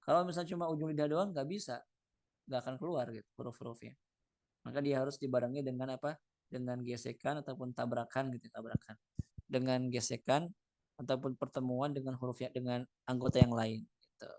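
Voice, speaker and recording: A man, teaching Quran recitation, reads Arabic phrases and then explains them in a relaxed, chatty way with many fillers. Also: medium pitch, a little fast, no echo. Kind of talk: explaining a text line by line.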